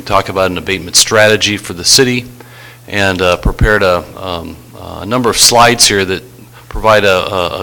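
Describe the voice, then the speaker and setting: A man giving a formal slide presentation as a city staff director, in a halting, hesitant way. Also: sits low, pushed and bright. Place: public meeting room. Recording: faintly noisy meeting room recording.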